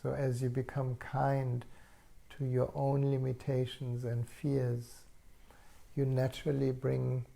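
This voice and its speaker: A man speaking as a spiritual teacher in an unscripted satsang, slow and serene like a guru, with long pauses and a soft, gravelly voice. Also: mid-range voice, completely flat delivery. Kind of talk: unscripted satsang talk, answering questions. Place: online video call session.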